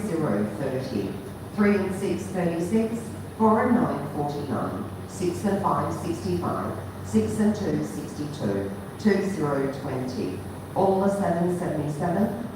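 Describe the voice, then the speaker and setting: A woman working as a bingo caller, reading out each number digit by digit and then whole in a formulaic patter. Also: low voice. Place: large echoing hall, heard from far off. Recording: distant, very echoey hall, clear background noise.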